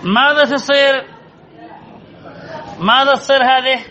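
Captured on a dull lo-fi recording, a man teaches an Arabic grammar lesson, putting questions to students and repeating key answers as drills. His very high voice sounds pushed and bright, with fairly even intonation and a slightly slow pace.

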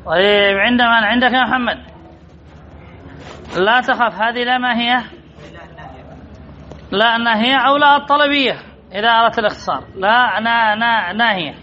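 A man with an extremely high-pitched voice, bright and forceful in tone, leads a class through Arabic grammar at a moderate pace with long pauses. He reads from a text, repeats key terms, and calls students by name to respond. The classroom recording is dull and lo-fi, with a little hiss or hum.

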